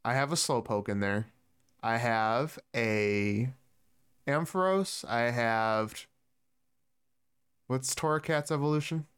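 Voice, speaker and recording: A male podcast host with a smooth, clear voice and a middle pitch. He talks in an easygoing way, chuckling between points as he steers the chat. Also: slow pace, pauses often, fairly bright tone. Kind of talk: casual chat.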